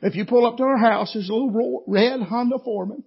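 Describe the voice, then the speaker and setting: High-voiced preacher man, husky. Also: fast talker. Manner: folksy, animated storytelling with laughs. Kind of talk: storytelling sermon. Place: church meeting. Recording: dull lo-fi church audio.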